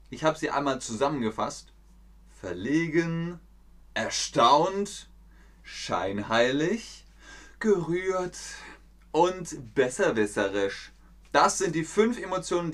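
A man's voice: fairly high pitch, expressive, takes it slowly, a bit bright. A man hosting a live-streamed German lesson, playful and talking to chat viewers by name. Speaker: German teacher hosting a livestream.

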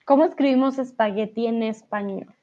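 A woman teaching Spanish in a live online lesson, explaining words slowly and spelling them out letter by letter. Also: a little high, dull audio.

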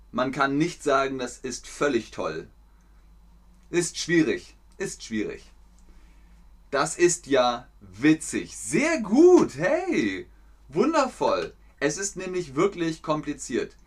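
A man giving a livestream language lesson, speaking slowly and deliberately, with his pitch swinging up and down expressively. He repeats each word several times and turns to chat with viewers in between. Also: a bit bright. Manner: slow, clear, repetitive teaching with frequent laughs; chats with viewers. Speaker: German teacher.

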